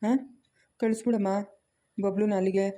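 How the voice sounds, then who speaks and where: A woman's voice: mid-range voice, fairly even intonation, dark tone, close to an everyday voice. A woman playing a young man who urges his mother to send the boy away, in a homemade family drama. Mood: insistent. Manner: quick, insistent, persuasive.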